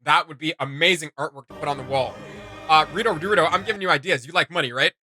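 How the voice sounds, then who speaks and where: A man hosts a video with casual, enthusiastic reaction commentary, excitable, slangy and emphatic. His voice is fairly high and his pace quick.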